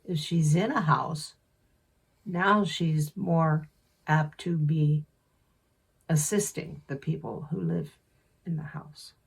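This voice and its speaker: A woman channeling a spirit in slow, measured speech, with a husky voice. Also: deep voice, fairly even intonation, far from the mic. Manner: slow, measured, unhurried delivery.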